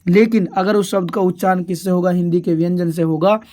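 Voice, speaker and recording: A male teacher runs an exam revision lesson in a patient, repetitive way. He asks a question, pauses, then answers it himself, and he keeps calling his pupils dear children. He stretches out English words and sentences slowly, one piece at a time. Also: sits high, level tone, dark tone.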